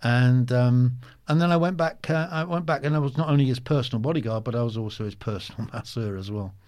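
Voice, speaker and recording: A man in his sixties telling stories in a casual interview, halting with many ums and restarts. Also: mid-range voice, darkish tone. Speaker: guest, former soldier.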